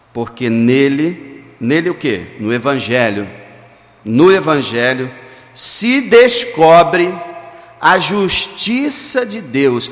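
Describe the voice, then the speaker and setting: Sex: man. Role: pastor. Style: emphatic sermon. Pitch: fairly high. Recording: long church reverb. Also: a bit bright. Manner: emphatic, dramatic storytelling with slowed stresses.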